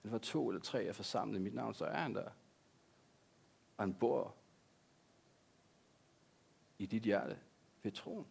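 A man's voice: fairly low pitch, lively intonation, gravelly, long pauses, darkish tone, slightly rough. A man, a pastor, preaching a sermon in an earnest way, repeating key words for emphasis.

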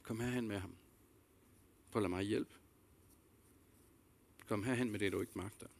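A man's voice: lowish voice, fairly even intonation, gravelly, darkish tone, slight background noise. A man preaching a sermon, earnest and reflective, repeating key phrases and addressing listeners directly with questions. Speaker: pastor.

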